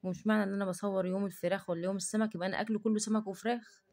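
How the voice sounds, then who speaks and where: A woman's voice: medium pitch, fairly even intonation, racing, a little mellow. A woman with an Egyptian Arabic accent, talking to camera in a casual cooking vlog and defending herself in an indignant rant. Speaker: cooking vlogger.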